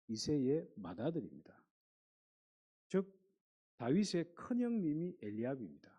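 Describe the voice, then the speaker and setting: A man's voice: medium pitch, highs cut off. A male pastor giving a sermon, reading scripture aloud and putting questions to the congregation. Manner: animated preaching, reads scripture aloud, asks the congregation questions.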